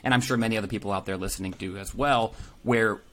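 A man's voice: lowish voice, fairly even intonation, fast talker. Casting: male podcast co-host, earnest and rambling, a faint hiss behind him. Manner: earnest, rambling, restarts phrases. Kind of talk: casual podcast chat.

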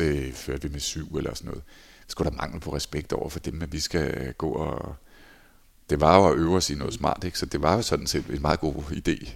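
A man in his forties, a former handball goalkeeper, telling lively anecdotes in a casual interview and acting out quoted lines. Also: rumbling low, gravelly. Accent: Danish. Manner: animated anecdotes, acts out shouted quotes.

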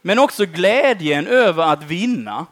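Male preacher, slightly higher voice, very lively pitch, chatty sermon delivery with frequent "va?" tags, dry close sound. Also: dry recording. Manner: conversational, often ends phrases with a questioning "va?"; dynamic, swings between loud emphatic lines and quiet dropped-off endings.

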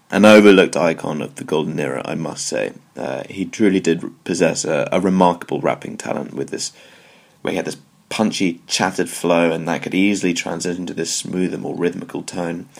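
Low-pitched and creaky, this British man's voice carries a solo podcast of music commentary. He wanders off on tangents in a wry way, peppering his talk with jokey asides.

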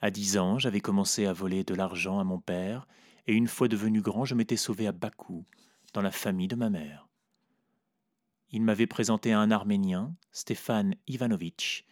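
A man narrating a literary story in a measured, reflective way. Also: on the low side, fairly even intonation, darkish tone, no echo, studio quality.

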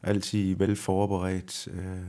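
A middle-aged man, a former rally driver, answering interview questions slowly and reflectively, often pausing to find his words. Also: low voice, completely flat delivery, warm tone. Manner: slow, reflective, halting. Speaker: retired rally driver as guest. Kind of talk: conversational interview.

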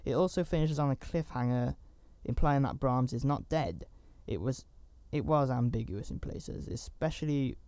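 Guy rambling through a horror movie plot, gravelly low-key voice, dry close sound. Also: moderate pace, few pauses, darkish tone, no echo. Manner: chatty, rambling, with asides and fillers. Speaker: film reviewer. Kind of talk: casual movie recap.

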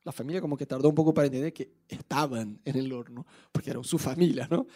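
A man preaching, retelling a story in a lively, jokey way. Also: mid-range voice, fast talker. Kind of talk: humorous storytelling sermon.

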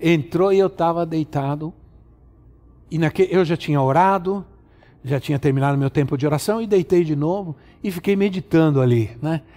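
A middle-aged Brazilian pastor preaching with emphatic, drawn-out repeated phrases in a fairly high voice. His sermon carries a long reverb from a church hall. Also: dark tone. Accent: Brazilian Portuguese.

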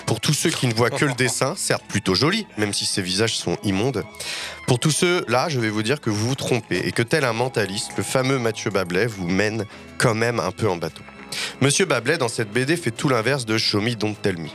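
A fairly low-voiced man reads his podcast column, opinionated and wry, with a self-mocking streak. Faint music sits underneath him. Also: expressive, a little fast, a bit bright. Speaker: podcast critic.

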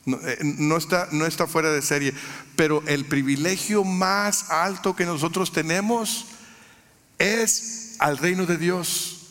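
A man's voice: on the high side, unhurried, a bit bright. A man from Mexico preaching a sermon in an earnest way, building lists of phrases and sometimes restarting his words. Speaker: pastor. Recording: long hall reverb.

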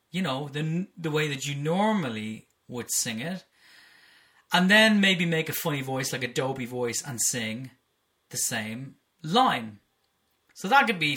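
A singing teacher calmly explaining vocal technique on a podcast, in a patient, explaining way. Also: medium pitch.

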